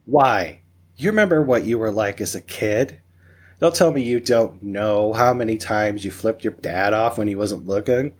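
As a parenting podcast guest, this man talks at a moderate pace in a lowish voice, joking, stressing his points and tossing out rhetorical questions during a casual conversational interview.

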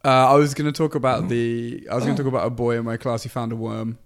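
A man's voice: mid-range voice, fast. A man co-hosting a casual podcast, telling classroom stories with plenty of laughter and acted-out voices. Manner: laughs a lot, animated storytelling with shouted voices. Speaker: podcast co-host, teacher. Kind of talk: casual chat.

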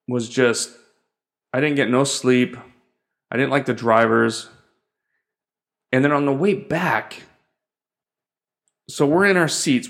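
A man's voice: medium pitch, fairly bright tone. A man, the show's host, tells a rambling and profane story in a casual, exasperated rant.

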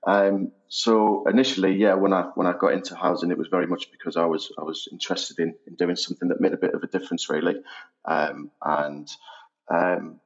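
A man's voice: low voice, steady tone, fairly quick. A man of about forty with a Sunderland accent, answering interview questions in a reflective, conversational way. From Sunderland, North East England. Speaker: podcast guest, housing operations head. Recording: dull, muffled lo-fi audio.

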